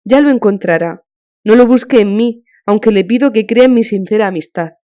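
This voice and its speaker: A devout countess, effusive and fervent, pressing consolation with feeling, as a woman reading the audiobook puts her on. Her voice sits at an ordinary mid pitch. The recording is slightly muffled and lo-fi. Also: a little fast, mellow, natural voice. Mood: consoling.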